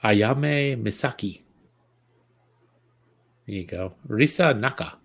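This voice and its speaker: Gravelly, joking podcast co-host. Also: male voice, medium pitch, animated, takes it slowly, a bit bright. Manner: joking and easygoing, riffing on others' lines. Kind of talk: casual chat.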